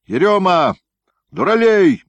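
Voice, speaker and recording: A man reading an audiobook, voicing an angry, jealous nobleman who shouts harsh orders. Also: on the low side, sing-song, slow pace, no echo, exaggerated voice.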